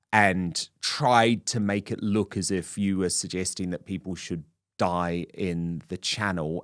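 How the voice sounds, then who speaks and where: A man's voice: sits low, no echo, clean studio sound. A man hosting a political talk show, presenting in an emphatic, punchy way. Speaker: host.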